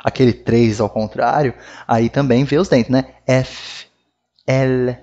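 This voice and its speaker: A man's voice: mid-range voice, steady tone, normal speed, gravelly, dark tone, highs cut off. A Brazilian man with a Brazilian Portuguese accent, a French teacher giving a casual video lesson on pronunciation, friendly and often tagging his lines with "né?". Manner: friendly, repeats sounds and tags lines with "né?".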